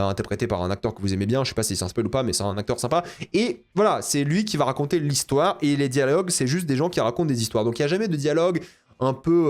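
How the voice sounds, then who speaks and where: A man's voice: mid-range voice, darkish tone. A young man giving a casual spoken film review, exasperated and ranting, repeating himself. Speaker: film critic.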